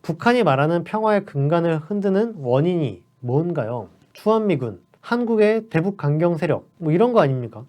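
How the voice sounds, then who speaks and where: Animated, mellow-voiced male commentator. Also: on the high side, brisk, few pauses. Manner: animated and persuasive, with rhetorical questions. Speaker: political commentator. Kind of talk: explanatory commentary.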